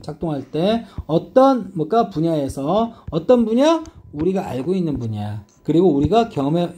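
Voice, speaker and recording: A male English teacher lectures his class in a high, mellow voice that swings up and down with emphasis. He keeps checking that the students follow along, with a faint hiss of noise behind him. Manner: constant check-ins with the students; lively, rising and dipping emphasis.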